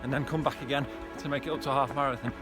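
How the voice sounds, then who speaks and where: Music runs under a man's very fast, steady, medium-pitched speech as he jogs a hillside trail by the reservoirs. He's a running vlogger, speaking casually and encouragingly to his audience.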